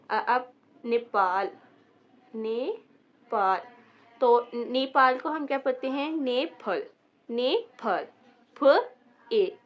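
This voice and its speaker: A woman's voice: high voice, muffled recording. A woman teaching a beginner vocabulary lesson, repeating each word and spelling it out syllable by syllable. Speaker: language teacher.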